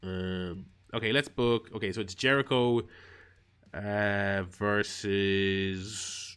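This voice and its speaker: Bright-voiced man chatting through a game. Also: on the low side, fairly even intonation, slow, clean tone. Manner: wry, rambling, self-deprecating asides with frequent fillers. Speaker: gaming streamer. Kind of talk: casual game commentary, reading tutorial text aloud.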